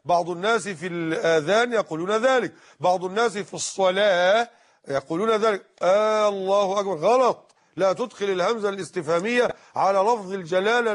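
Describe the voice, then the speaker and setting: A man's voice: high voice, fairly quick. A man with an Egyptian accent giving a religious lesson, correcting pronunciation and admonishing his listeners. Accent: Egyptian Arabic. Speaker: religious teacher. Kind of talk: religious lesson explaining hadith.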